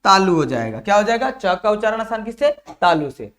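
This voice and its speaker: Here the Bihari-accented Hindi grammar teacher sounds high, very animated, brisk and slightly bright. It's an exam-prep lesson where he addresses viewers as dear children, repeating every question again and again before answering it on his own.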